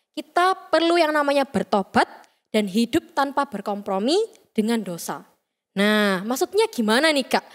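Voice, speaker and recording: A young woman giving a chatty, playful youth sermon, often acting out quoted voices. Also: fairly high pitch. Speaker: youth service speaker. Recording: reverberant hall sound.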